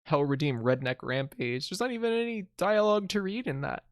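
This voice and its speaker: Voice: medium pitch, very animated, a little fast, no echo, clean studio sound. A video game streamer giving casual, wry, joking commentary on a playthrough.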